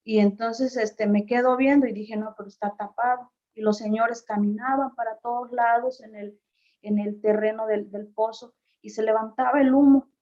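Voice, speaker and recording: A woman tells a personal story at a presentation, halting often on filler words and acting out the voices of people in her account. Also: a little high, steady tone, warm tone. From Mexico. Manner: unhurried, halting, with frequent filler pauses and reported dialogue. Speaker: community speaker. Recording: slightly dull lo-fi recording.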